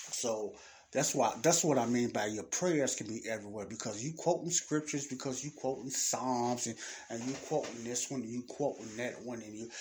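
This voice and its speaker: A man with a mid-range voice hosts his own audio podcast, talking freestyle about faith and life. He rambles, gets preachy and restarts often, and his nose sounds congested from sinus trouble. There's slight background noise.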